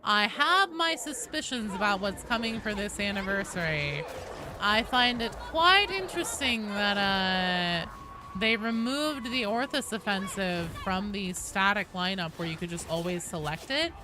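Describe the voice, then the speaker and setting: A woman streaming a video game chats casually and animatedly with her viewers, greeting people as they arrive and swearing freely. As the host, she has a medium-pitched voice with lively intonation and a measured pace. Game sounds play clearly in the background.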